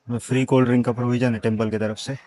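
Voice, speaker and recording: Guy doing a walking travel vlog outside, chatty, middle pitch, talking into the camera mic. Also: flat delivery, fast talker, dark tone. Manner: chatty, mixing Hindi with English words. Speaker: travel vlogger. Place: outdoors at caves and a hillside temple.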